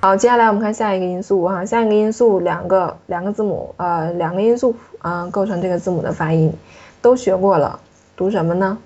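A woman teacher walks through a pronunciation lesson, repeating her points and softening her sentences with little particles. Her voice is husky at an ordinary pitch. The recording is dull and lo-fi. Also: fairly quick. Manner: repeats herself, ends phrases with soft particles. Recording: muffled lo-fi recording.

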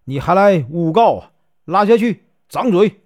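A man's voice: high voice, animated, a little slow, no echo, voice pushed up. A man playing a stern county magistrate in a folk tale, scolding and giving orders. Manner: scolding, commanding. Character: stern middle-aged male county magistrate.

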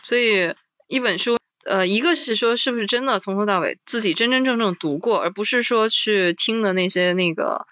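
A woman in a casual podcast chat about books, reading list items slowly and then commenting with sighing interjections. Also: mid-range voice, a bit bright, dry recording, lo-fi sound.

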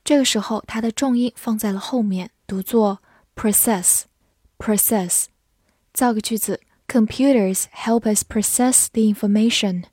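Woman, English teacher, fairly high voice, slow and deliberate, spells words out, dry close sound. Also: darkish tone, no echo. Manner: spells words letter by letter, then reads slowly. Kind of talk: scripted vocabulary lesson.

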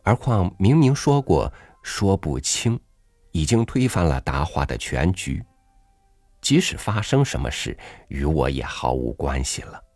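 A man narrating a literary story in a measured, reflective reading. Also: deep voice, very animated, a little mellow, dry recording, faint music behind.

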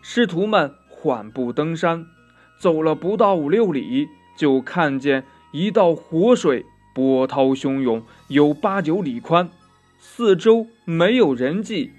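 A man narrating a children's story in a slow, expressive telling style. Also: a little high, soft background music. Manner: slow, expressive, drawn-out "呀" endings.

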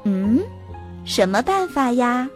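A woman's voice: a little high, sing-song, slow pace, soft background music. A woman voicing a patient, soothing mother bear in a children's storybook. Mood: tender. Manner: soft, soothing, reassuring.

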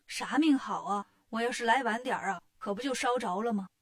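A woman voicing a calm female goddess of mercy in a storybook tale, unhurried and dryly chiding. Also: fairly high pitch, close to an everyday voice. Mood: wry.

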